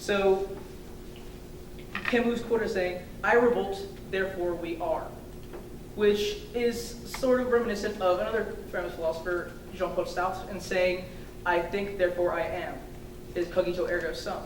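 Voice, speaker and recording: A woman's voice: steady tone, normal speed. Echoey, distant young woman presenting, hesitant. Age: young adult. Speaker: student presenter. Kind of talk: thesis defense presentation. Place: indoor room, recorded from a distance. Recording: echoey room, distant mic, rumbling noise.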